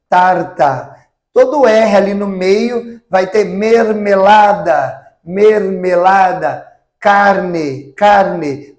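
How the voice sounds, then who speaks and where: Slow, patient man teaching in an echoey room. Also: high voice. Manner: patient, repeats each example word slowly, tags lines with "tá?". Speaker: Spanish teacher. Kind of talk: recorded online language lesson. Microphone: close mic he speaks into for examples.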